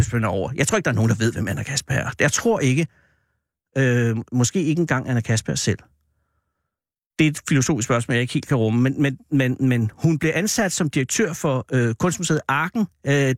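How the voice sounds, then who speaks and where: A man hosting a show, telling a personal story in an animated, drawn-out way that turns hesitant, with many fillers. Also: mid-range voice, no echo, studio quality. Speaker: radio host.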